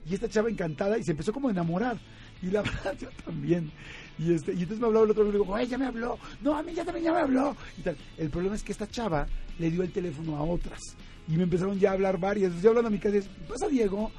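A man with a Mexican accent telling a story in casual chat, animated, laughing often and acting out quoted voices. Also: high voice, very fast, faint music behind. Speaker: guest.

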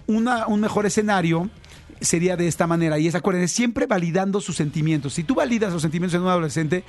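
A man's voice: high-pitched, fast talker. A man giving casual parenting advice, talking conversationally and addressing listeners directly.

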